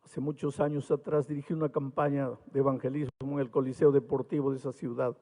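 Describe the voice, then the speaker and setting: A man from Peru, a pastor, preaching an evangelistic sermon with impassioned rises and quiet storytelling. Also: medium pitch, level tone, fast. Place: large arena. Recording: long hall reverb.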